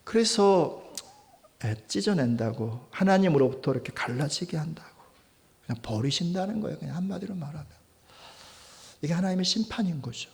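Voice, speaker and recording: A male pastor delivering a Sunday sermon in a chatty style, asking his listeners questions and swinging from loud emphasis to hushed, near-whispered asides. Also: fairly high pitch. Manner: conversational preaching with frequent rhetorical questions. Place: church service.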